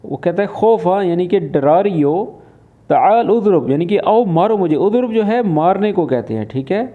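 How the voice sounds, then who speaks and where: A man's voice: high-pitched, expressive. A man from Pakistan teaching, patiently explaining and translating spoken phrases. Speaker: Arabic teacher. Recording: phone-like lo-fi voice.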